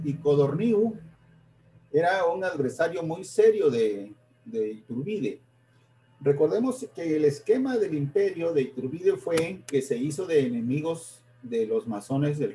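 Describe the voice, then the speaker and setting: A man giving a live-streamed history lecture, pausing often, repeating words and correcting himself as he goes. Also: fairly high pitch, warm tone, slight background noise. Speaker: history presenter.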